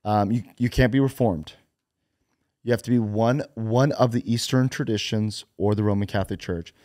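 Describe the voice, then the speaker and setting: A young man hosting a podcast in a studio, relaxed and conversational, asking questions and retelling exchanges. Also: lowish voice, normal speed, no room sound. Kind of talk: casual conversation. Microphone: studio boom mic with headphones.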